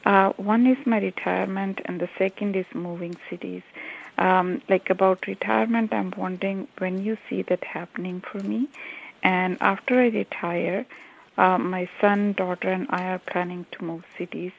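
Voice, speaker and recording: Middle-aged woman caller, gravelly and muffled. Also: medium pitch, steady tone, moderate pace. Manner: polite and hesitant. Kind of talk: recorded call-in question. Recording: dull lo-fi recording.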